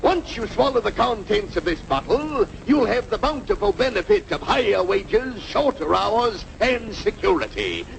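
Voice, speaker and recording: A man playing a fast-talking, sly medicine-show pitchman in a vintage cartoon, hawking bombastically with a gravelly voice. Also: very animated, full character voice. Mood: bombastic, coaxing. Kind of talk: carnival barker sales pitch in vintage cartoon. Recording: noisy vintage cartoon soundtrack.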